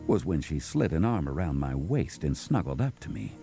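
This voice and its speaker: A man voicing a gruff crocodile detective who narrates his casefile in hardboiled cartoon parody style, with a gravelly voice. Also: a bass voice, sing-song, moderate pace, mellow, exaggerated voice. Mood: dramatic, smitten. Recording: music behind the voice.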